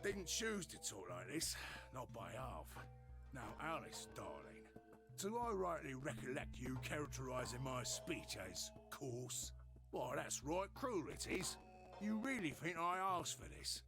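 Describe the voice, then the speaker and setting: An actor voicing a chatty, cheeky working-class male robot in a video game, with a broad Cockney accent and rough, slangy speech. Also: mid-range voice, big pitch swings, unhurried. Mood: grumbling. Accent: Cockney English. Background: game music.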